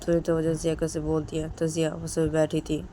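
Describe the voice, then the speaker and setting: A woman's voice: low-pitched, completely flat delivery, fairly quick, mellow, a little hiss or hum. A woman narrating a romantic story in a plain, repetitive, casual retelling.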